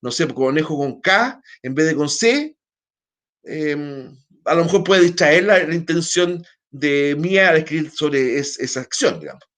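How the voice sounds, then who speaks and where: A man's voice: a little high, animated, a little slow, a bit bright. Chilean man teaching a lesson. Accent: Chilean Spanish. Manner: explanatory, keeps checking understanding with tag questions; hesitant restarts, talks on in a loose flow. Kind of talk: recorded online class.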